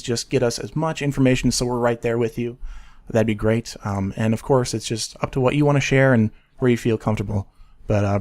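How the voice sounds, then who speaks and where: A man's voice: medium pitch, darkish tone. A man hosting a casual photography podcast, upbeat and friendly as he reads promos and chats with a guest. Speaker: podcast host.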